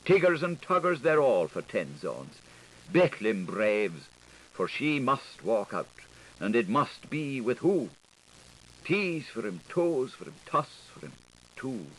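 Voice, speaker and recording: On a rough, hissy older studio recording, a male audiobook reader with a medium-pitched voice works slowly through experimental literary prose. His very animated, theatrical and playful style brings a rhythmic delivery to the wordplay.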